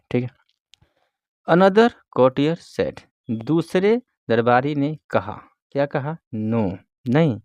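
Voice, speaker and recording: Slow, deliberate male teacher. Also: mid-range voice, darkish tone, dry recording, clean studio sound. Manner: reads English words slowly one at a time, then explains; asks and answers his own questions. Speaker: English teacher. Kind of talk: bilingual grammar lesson reading a story aloud.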